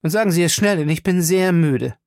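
Ein Mann spricht eine hitzige, empörte junge Ehefrau in einer Hörbuchlesung, mit hoher, schneller, schriller Stimme. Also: male voice, darkish tone, dry recording, clean studio sound, natural voice. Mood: angry. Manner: high, fast, shrill outbursts. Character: Fay, a fiery, indignant young wife.

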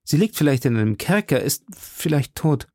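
A man reading an audiobook, voicing a lively, playful young swordsman in a slightly raised voice. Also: mid-range voice, normal speed, creaky, no echo, clean studio sound. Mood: distressed. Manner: playful, mock-serious. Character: lively young male swordsman, teasing and warm.

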